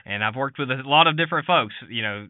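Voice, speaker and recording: A man hosting a farm podcast interview, halting and repeating words, laughing easily. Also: mid-range voice, lively intonation, clear, resonant tone, no room sound. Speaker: podcast host. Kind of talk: conversational interview. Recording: narrow phone-like sound, dry.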